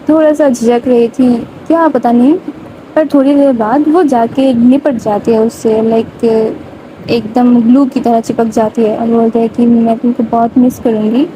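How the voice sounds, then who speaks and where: A woman's voice: on the high side, fairly even intonation, dark tone. A young woman retelling a love story in a loose, chatty way, full of casual fillers. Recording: dull lo-fi audio with faint noise.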